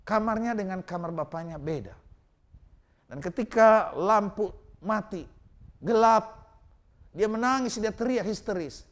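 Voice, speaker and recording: Casting: male pastor, slightly high voice, sermon delivery that swings from forceful exhortation to hushed storytelling. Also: measured pace, long pauses. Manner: swings from loud emphatic exhortation to low quiet storytelling; addresses listeners directly as brothers and sisters. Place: church, recorded for an online home service.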